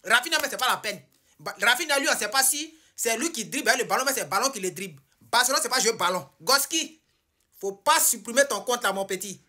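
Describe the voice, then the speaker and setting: A woman's voice: fairly high pitch, lively intonation, quick pace, sharp tone. A woman fan of a rival club taunting and scolding opposing supporters.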